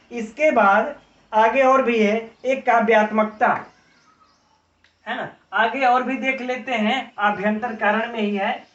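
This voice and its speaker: A male teacher delivers an exam-prep lecture, working through examples and posing rhetorical questions to the class. His voice sits high. The sound is dull and lo-fi, picked up from some distance in a reverberant room. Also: a bit bright. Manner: frequent tag "है ना". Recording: roomy, distant, dull lo-fi audio.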